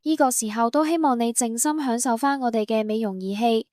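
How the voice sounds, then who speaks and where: A woman reading a scripted instructional voice-over for a beauty salon, in an even, promotional step-by-step manner. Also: a little high, fairly quick, no echo, studio quality.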